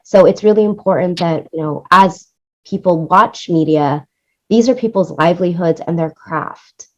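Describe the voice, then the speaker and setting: Her voice sits on the low side at a moderate pace, and the audio sounds dull. As an interview guest who works as a music supervisor and producer, she explains earnestly in a conversational way, frequently checking in with "right?"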